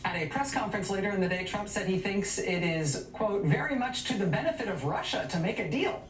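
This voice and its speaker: A woman's voice: medium pitch, expressive, a little fast, echoey room, far from the mic, a little hiss or hum, poor audio. Sardonic woman hosting a news show. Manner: sardonic, emphatic delivery. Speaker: news host. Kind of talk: cable news monologue.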